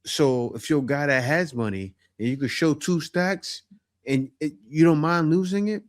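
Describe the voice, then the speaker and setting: A man's voice: on the high side, moderate pace. A man giving casual commentary on dating, often tagging his points with a question. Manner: conversational, asks "right?" often.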